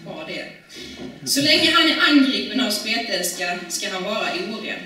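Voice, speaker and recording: A woman's voice: medium pitch, lively intonation, sharp tone, very echoey, recorded from a distance, low-quality recording. A woman preaching a sermon in a church, talking in a conversational way with many fillers and restarts.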